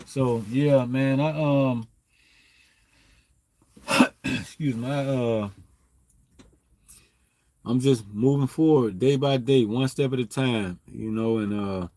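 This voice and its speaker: A man's voice: medium pitch, steady tone, slow pace, long pauses, warm tone. A man, rambling through a casual livestream chat with lots of fillers. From Southern US. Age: 40s. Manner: rambling, heavy on fillers and "you know what I'm saying". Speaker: livestream host.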